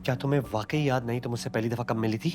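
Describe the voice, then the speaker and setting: An actor playing a young husband who is protective and quick-tempered but tender, talking earnestly in a TV drama. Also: male voice, medium pitch, steady tone, music in the background, natural voice. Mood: tense, worried. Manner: earnest, swings between urgent worry and teasing. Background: drama background score.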